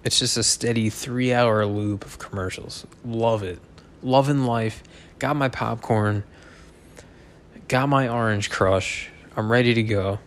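A man's voice: mid-range voice, a little slow, a little hiss or hum. A man in his thirties, a little drunk, rambling through a loose, joking monologue full of swearing. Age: 30s. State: tipsy.

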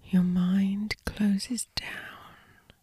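A woman narrating a scripted sleep story as a guided meditation, in a breathy, hushed, soothing whisper. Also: mid-range voice, level tone, very slow, no room sound.

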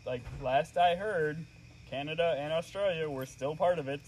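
A man with a fairly high voice chatting casually with friends on a poolside podcast. He keeps his replies brief and laid-back, with faint outdoor noise behind him. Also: moderate pace, poor audio. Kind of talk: casual chat among friends.

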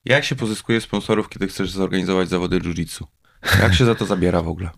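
A man's voice: low-pitched, quick pace, vocal fry, no room sound, studio quality. A man hosting a podcast, asking short, prodding follow-up questions in a casual way. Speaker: podcast host.

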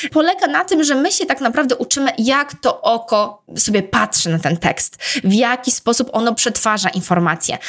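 A young woman, a trainer as podcast guest, explaining with lively examples. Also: a little high. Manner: animated, explains with vivid examples and acted quotes. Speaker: guest, personal effectiveness trainer. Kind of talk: podcast interview.

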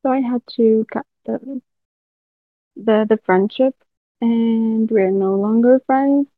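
A young woman talks slowly and hesitantly, filling her speech with "like" in a casual discussion. Her voice is somewhat high. The sound is tinny and dry, like a phone line. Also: dry recording. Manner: hesitant, peppered with "like". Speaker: discussion participant.

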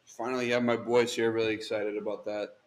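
A man's voice: fairly low pitch, level tone, brisk, reverberant. A young man hosting a casual podcast chat with friends late at night, teasing and laid-back, with the hiccups. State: has the hiccups. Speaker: podcast host.

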